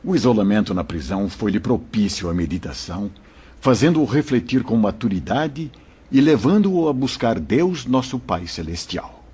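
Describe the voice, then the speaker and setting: In an audio drama, a male actor plays a wise spirit mentor who solemnly recounts and explains events to listeners. His lowish voice is mellow and slightly rough, with lively intonation at a moderate pace, in muffled lo-fi audio.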